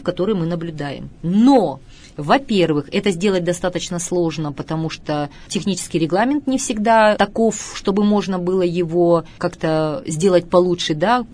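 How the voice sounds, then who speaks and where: A middle-aged woman with a fairly low voice talks as a studio guest expert. She lectures with firm emphasis and stretches out the words she wants to stress. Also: darkish tone. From Russia. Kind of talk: studio talk show interview.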